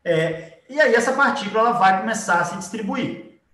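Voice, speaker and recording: High-voiced Brazilian man teaching, echoey room. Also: expressive, a little fast, bright, forceful tone, distant mic. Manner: conversational, explanatory, frequent tag questions. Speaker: biology teacher. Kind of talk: informal live lecture with drawing.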